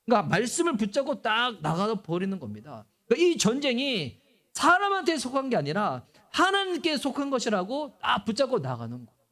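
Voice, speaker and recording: Korean pastor guy preaching in church, high voice that jumps all over. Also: brisk. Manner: animated, acting out quoted voices. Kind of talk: sermon. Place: church sanctuary.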